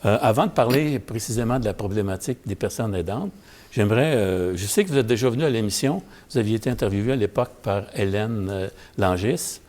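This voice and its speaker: Guy hosting a casual interview, kinda low voice, hesitant, says uh a lot. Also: expressive, fairly quick, darkish tone. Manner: hesitant, many fillers. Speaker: host. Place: theatre lobby.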